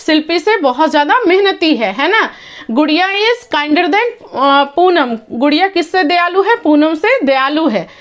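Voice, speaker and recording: A woman teaching English grammar in a classroom style, switching between Hindi and English with an Indian accent, asking her students questions and stretching out her English phrases. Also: extremely high pitch. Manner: slow, drawn-out English phrases, quicker Hindi explanations.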